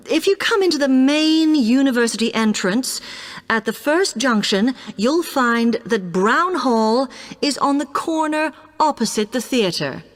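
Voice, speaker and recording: British woman acting as a polite uni accommodation officer, highish lively voice, orderly scripted talk, big echoey hall. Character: polite, helpful female university accommodation officer. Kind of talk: scripted informational talk to students. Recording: long reverberant hall sound.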